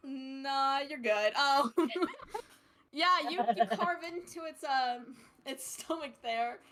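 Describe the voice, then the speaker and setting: A woman's voice: high voice, slow, noisy background. A woman running a tabletop game, narrating casually and loosely as game master, with swearing and frequent giggles. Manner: giggly, often laughing as she talks.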